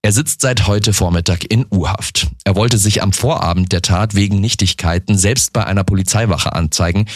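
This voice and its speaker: A man reading regional news on a radio station in a steady, measured way. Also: low voice, dry recording, clean studio sound. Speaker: radio newsreader. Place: radio studio.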